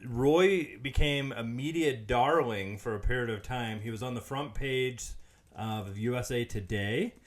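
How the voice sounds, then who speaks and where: Man, mid pitch, podcast host, hesitant, lots of ums, reading notes. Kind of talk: casual chat, reading out facts.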